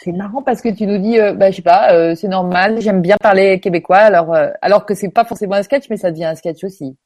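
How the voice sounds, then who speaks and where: A woman hosting a casual interview, upbeat and quick with approving replies. Her voice sits at a middle pitch, recorded dry with no room sound. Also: darkish tone, no echo. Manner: enthusiastic, quick affirmations. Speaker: host. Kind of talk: casual interview, reading listener questions.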